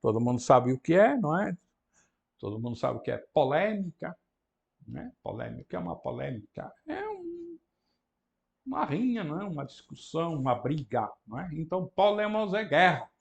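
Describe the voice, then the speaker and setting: A man with a European Portuguese accent teaching a Greek lesson, explaining patiently, often tagging his sentences with a question and repeating key words slowly. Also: on the high side, very animated, gravelly. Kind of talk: classroom lecture.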